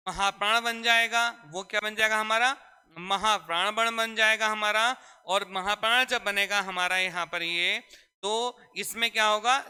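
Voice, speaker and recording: This man's smooth voice sits high and sounds pushed and bright as he teaches grammar to a class. He keeps up a repetitive pattern of asking questions and answering them himself, all under echoey hall reverb.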